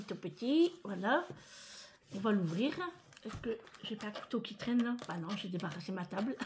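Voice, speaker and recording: A woman from France chatting casually to her viewers in a vlog, emotional and expressive. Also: medium pitch, a little hiss or hum. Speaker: vlogger. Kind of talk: casual chat.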